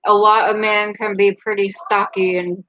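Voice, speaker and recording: A woman's voice: medium pitch, flat delivery, moderate pace, a bit bright, dry recording, dull audio. A woman hosting a casual live stream, speaking candidly and rambling a little, with a laugh between her thoughts. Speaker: livestream host.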